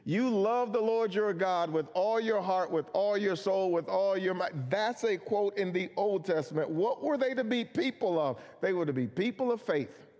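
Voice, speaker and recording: Emphatic preacher man, high voice, reverberant hall. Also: moderate pace, hardly any pauses, darkish tone. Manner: earnest, emphatic, asks and answers his own questions. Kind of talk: sermon.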